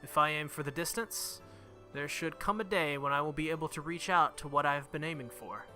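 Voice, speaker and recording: A fairly high-pitched man speaks briskly as he reads a visual novel aloud for a let's play. His reading is dramatic, mixed with casual reactions and occasional stumbles, all over loud game music.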